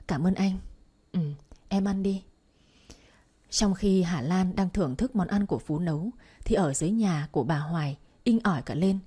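Low, breathy woman telling bedtime stories. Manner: calm, even storytelling. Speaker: storyteller. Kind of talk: bedtime story narration.

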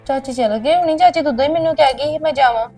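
An actress playing a young wife who speaks to her husband in a soft, coaxing, pleading way. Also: high voice, quick pace, soft background music, lightly acted. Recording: distant from mic.

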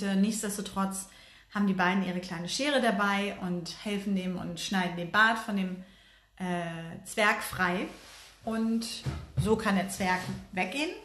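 A woman's voice: medium pitch, a bit bright. Hesitant woman retelling a fairy tale. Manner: hesitant, many fillers and self-corrections. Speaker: storyteller. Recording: roomy echo.

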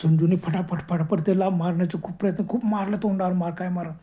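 A man's voice: sits high, flat delivery, quick pace, mellow. A man telling a horror story in a dramatic way, full of gasping exclamations.

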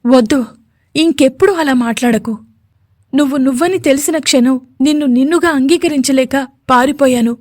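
A woman voicing a gentle young man who soothes and coaxes his tearful sweetheart. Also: high-pitched, moderate pace, no echo, studio quality, lightly acted. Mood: remorseful. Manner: soothing, coaxing.

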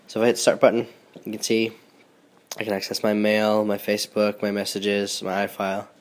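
A man with a cold talks through a phone tutorial in a nasal, stuffed-up voice. His voice sits low and stays fairly flat, and his delivery is relaxed and chatty, dotted with ums and small restarts. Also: a little fast. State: sick with a stuffy nose. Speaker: host. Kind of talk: casual phone tutorial walkthrough.

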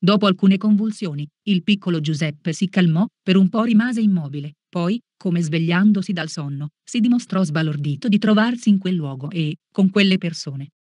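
Solemn, measured catechism reader. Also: medium pitch, darkish tone, no echo. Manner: slow, measured, solemn reading. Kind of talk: read-aloud catechesis.

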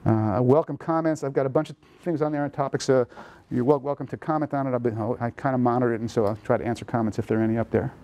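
A man, a pediatrician, giving a lively lecture on parenting to an audience in a lecture room, acting out children's thoughts as he goes. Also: medium pitch, fast, lo-fi sound. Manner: lively, animated, acts out kids' thoughts.

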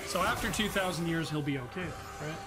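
A man's voice: fairly high pitch, fairly quick, loud music behind the voice. A young man hosting a game stream, chatting and joking casually with laughs. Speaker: streamer host. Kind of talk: casual let's-play chat.

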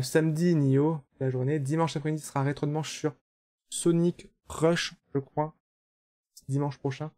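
A young French man streaming a video game and chatting casually, relaxed, with fillers and the odd swear word. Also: mid-range voice. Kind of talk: casual chat.

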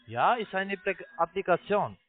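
A fairly high-voiced man with a foreign accent and lively intonation comes through a narrow, tinny phone line. A non-native German speaker working as a phone sales agent for an investment scam, he gives his pitch in halting, broken German, repeatedly restarting his sentences.

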